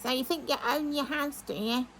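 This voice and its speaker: A woman's voice: high voice, moderate pace, a bit bright, slight background noise, pitched above the performer's own voice. A woman putting on the cackly voice of a spiteful old female neighbour while retelling a quarrel. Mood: taunting.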